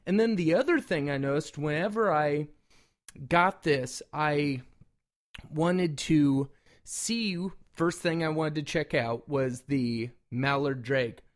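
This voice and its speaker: A man's voice: fairly high pitch, slow. A man giving a casual product review in a rambling, informal way, often correcting himself. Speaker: product reviewer and call maker.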